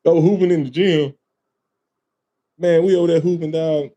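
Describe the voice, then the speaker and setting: A man's voice: fairly high pitch, fairly even intonation, normal speed, mellow, dull audio. Laughing, swearing man telling a story. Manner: profane, laughing storyteller full of "man" and "bro". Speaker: podcast host. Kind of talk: casual storytelling chat.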